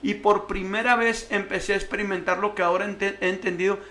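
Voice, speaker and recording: A man with a high, bright voice tells his own life story as a radio guest. He acts out the guards and officials in his story as he goes. The sound is close and clear, as from a studio mic. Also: steady tone, brisk. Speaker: guest sharing testimony. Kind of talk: emotional personal testimony.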